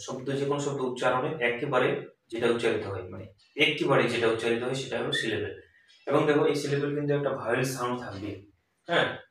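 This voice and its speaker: Echoey teacher from across a room. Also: male voice, medium pitch, far from the mic, a little hiss or hum. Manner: checks in with students constantly, repeats key words slowly. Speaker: English teacher. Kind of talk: spoken grammar lesson. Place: room where the power went out.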